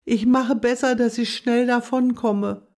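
Woman voicing a little girl dormouse, plucky, chirpy, high storybook voice. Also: steady tone, measured pace, a little mellow. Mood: fearful.

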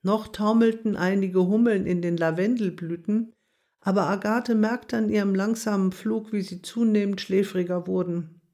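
A woman calmly narrating a children's story in a measured way. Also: mid-range voice.

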